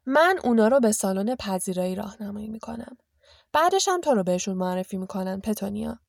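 A woman voicing a bossy, blustering middle-aged family man in an audiobook reading, giving orders loudly. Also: medium pitch, animated, creaky, no room sound, clean studio sound. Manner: commanding, bossy.

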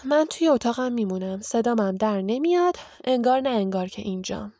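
A woman voicing a bored, put-upon boy answering flatly in an audiobook reading. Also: fairly high pitch. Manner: bored, listless.

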